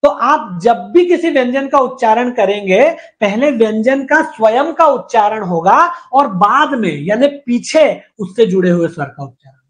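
A man's voice: very high voice, expressive, moderate pace. Man teaching Hindi grammar, repeating points. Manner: asks and answers his own questions, repeats points, says "theek hai"; drills sounds aloud for students to copy. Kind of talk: exam-prep classroom lecture.

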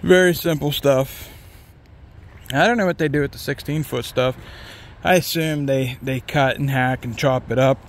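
A man's voice: mid-range voice, moderate pace. A man in his thirties, a truck driver, chatting casually and rambling in an easygoing, plain-spoken way as he vlogs from a truck yard and his cab. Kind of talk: casual vlog chat. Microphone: phone held at arm's length outdoors, headset mic in the cab.

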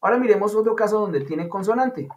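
A man's voice: high-pitched, lively intonation, fast. Chatty male teacher online. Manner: patient, chatty, uses playful analogies. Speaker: English teacher. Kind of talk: online class explanation. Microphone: video call. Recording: dull lo-fi online call audio.

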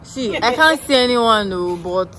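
Outdoors in a rural neighborhood, a young Nigerian-accented woman films a relaxed vlog walkthrough on a phone held at arm's length, chatty and laughing, switching into pidgin. She sounds a little high and fairly bright, unhurried with lively intonation, against slight background noise.

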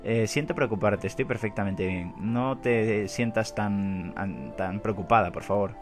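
A man voicing a gentle, sickly mother in a game, softly and reassuringly. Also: on the low side, unhurried, music in the background, close to an everyday voice. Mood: tender.

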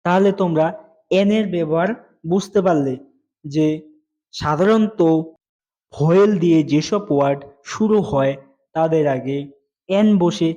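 A man's voice: fairly high pitch, a little slow, pauses often, mellow, lo-fi sound. A male English teacher explaining grammar to students, patiently repeating key words and asking them questions.

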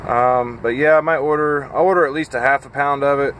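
A man in his thirties, a truck driver, chatting casually and haltingly with lots of fillers while tired and a bit scattered, filmed on a phone at arm's length in his parked cab. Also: mid-range voice, fairly even intonation, a bit bright, slight background noise. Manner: rambling, halting, with frequent fillers. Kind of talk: casual vlog chat. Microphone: phone camera at arm's length.

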